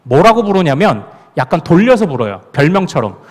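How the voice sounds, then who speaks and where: Male pastor with Gyeongsang accent, family sermon, playful, lively up-and-down delivery, echoing hall. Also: on the high side, brisk. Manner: playful, acts out dialect lines and laughs. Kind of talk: family prayer-meeting sermon. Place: church sanctuary. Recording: long hall reverb.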